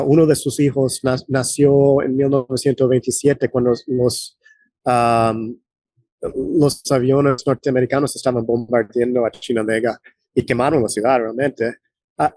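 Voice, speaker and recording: A man in his late forties from the United States speaks as an interview guest. He talks haltingly, often restarting a phrase and reaching for words. His voice is mellow and the sound is dry and close. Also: mid-range voice, no room sound. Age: late 40s. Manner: halting, many restarts and fillers. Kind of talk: conversational interview.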